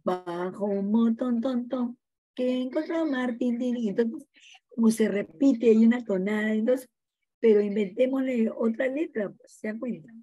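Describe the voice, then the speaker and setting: A middle-aged woman teacher gives an informal class talk. She keeps checking in with her students and fills pauses with small words. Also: medium pitch, warm tone, breathy edge. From Peru. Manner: chatty, checks in with frequent "no?" tags and fillers. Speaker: college teacher.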